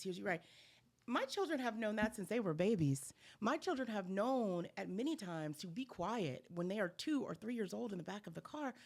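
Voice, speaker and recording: A woman with a lowish voice and a gravelly, creaky edge speaks as a guest on a podcast. She is earnest and measured and explains her views with analogies. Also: a little mellow. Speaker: interview guest, organization chair. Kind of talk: casual interview conversation.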